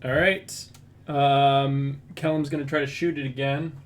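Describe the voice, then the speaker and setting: A man's voice: mid-range voice, flat delivery, unhurried. Laid-back man running a dungeon crawl. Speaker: dungeon master. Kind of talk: running a tabletop game over voice chat.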